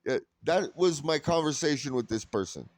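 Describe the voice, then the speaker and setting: A man's voice: fairly high pitch, animated, moderate pace, no echo. A man from California telling a story in a sarcastic, profane, rambling way. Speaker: vlogger. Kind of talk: casual storytelling rant.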